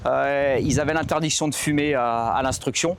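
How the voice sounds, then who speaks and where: A man's voice: mid-range voice, moderate pace, creaky, smooth. A man in his forties from central France, a former navy commando instructor, telling his story in a portrait interview with many fillers and restarts. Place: outdoors at a harbor site.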